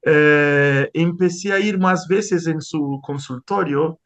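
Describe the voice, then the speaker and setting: In a conversational interview, a Brazilian scientist speaks Spanish as a second language with a Brazilian Portuguese accent. His voice is slightly high and fairly bright, and he talks slowly. He sounds hesitant, restarting often and using many fillers.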